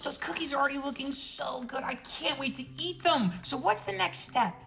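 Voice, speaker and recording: A woman's voice: high voice, normal speed, gravelly, sharp tone, slight background noise, heavily acted. A woman playing an eager, impatient childlike sidekick in a children's show, with broad singsong theatrical delivery.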